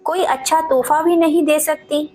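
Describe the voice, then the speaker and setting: A woman voicing a gentle, trusting elderly widowed mother who talks in a soft, pleading tone. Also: high-pitched, fairly even intonation, normal speed, soft background music, natural voice.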